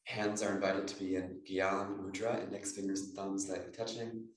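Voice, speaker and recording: Speaking in a low, steady voice, this male yoga instructor talks a meditation group through their breathing and posture. He pauses between measured phrases, and his voice carries from a distance across a strongly echoing space.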